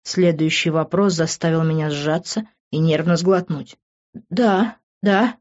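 A woman narrating a novel in the first person with expressive, emotional reading. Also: low-pitched, normal speed. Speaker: audiobook narrator. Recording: dull lo-fi recording.

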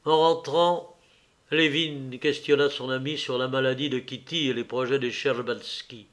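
A man reading a classic novel aloud in a measured, literary narration. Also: mid-range voice, fairly even intonation, fairly bright tone. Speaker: audiobook reader.

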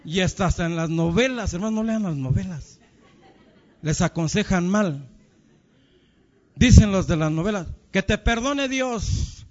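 A man's voice: high voice, moderate pace, long pauses. A male pastor preaching a sermon, telling stories and calling his listeners brothers. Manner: animated storytelling, addresses congregation as brothers. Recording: dull lo-fi recording.

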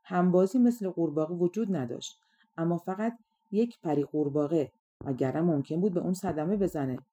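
A woman narrating a fairy tale audiobook in a calm, measured storytelling manner. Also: fairly low pitch, breathy edge.

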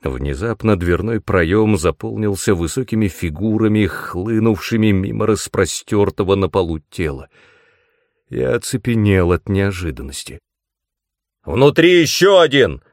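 A man narrating a fantasy audiobook in the first person with measured storytelling. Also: low voice, a little mellow, no echo, studio quality.

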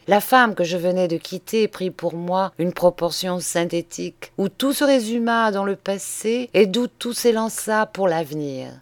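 A woman narrating a literary audiobook in a slow, measured and expressive reading. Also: mid-range voice, dry recording.

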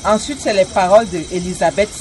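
A woman's voice: mid-range voice, fast. A woman taking part in a heated religious debate, defensive and repeatedly trying to explain her point. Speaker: debate participant. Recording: noisy background.

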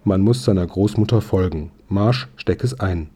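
A man voicing a brisk, scolding but loving old grandmother in a storybook reading. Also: low-pitched, mellow, slightly rough. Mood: bustling.

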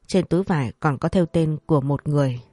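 A woman's voice: low-pitched, fast, no room sound. Young male servant , read by a woman: blunt, accusing, dry close sound. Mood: earnest. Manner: shouting accusations.

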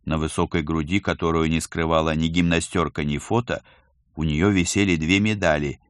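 A man narrating an audiobook in an expressive storytelling manner. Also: rumbling low, normal speed, no echo, studio quality. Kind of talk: scripted narration.

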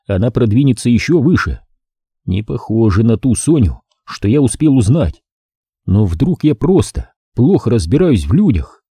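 A man's voice: mid-range voice, dark tone, breathy edge, dry recording. A man reading a first-person audiobook in an intense, brooding way, recorded close and dry. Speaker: audiobook narrator. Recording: dry close-miked studio sound.

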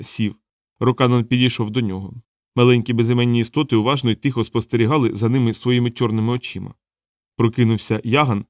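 A man narrating an audiobook in an even, steady storytelling voice. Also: medium pitch, no echo, clean studio sound. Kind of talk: scripted narration.

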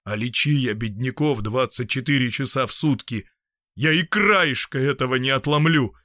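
A man playing a gruff, anguished middle-aged male doctor who talks in despairing, emphatic bursts. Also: medium pitch, unhurried, no echo, studio quality, lightly acted. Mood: desperate.

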